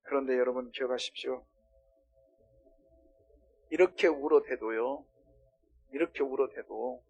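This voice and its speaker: A middle-aged male pastor preaching a sermon, swinging between loud impassioned cries and hushed low talk, often asking the congregation questions. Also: creaky, slightly rough. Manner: asks the congregation questions and has them repeat.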